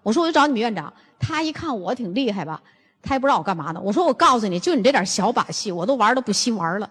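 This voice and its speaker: An older woman gives a lively lecture. She tells stories bluntly and throws rhetorical questions at the audience. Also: mid-range voice, fast talker, breathy edge, long reverb tail. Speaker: lecturer on health and nutrition.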